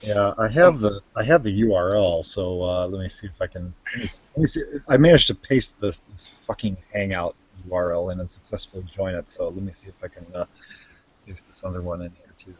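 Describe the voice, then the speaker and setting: A man's voice: deep voice, a little fast, lo-fi sound, slight background noise. A man chatting casually as co-host of a live stream, rambling with lots of restarts and fillers, recorded on a home computer mic. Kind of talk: casual chat.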